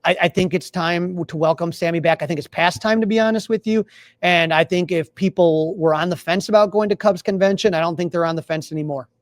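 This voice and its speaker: A high-voiced man co-hosting a podcast talks sports in a brisk, opinionated, emphatic way, like a casual fan offering commentary. The sound is close and dry with no echo.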